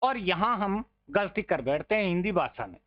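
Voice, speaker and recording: A man's voice: sits high, sing-song, moderate pace, muffled recording. A man teaching an online grammar lesson, patiently repeating words to drill their pronunciation and calling his listeners friends.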